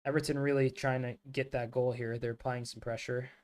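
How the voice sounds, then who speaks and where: Brisk and level, this mid-range, darkish voice comes from a US host chatting through a football match live. He rambles casually, leans heavily on "like," and addresses his audience as mate and bro.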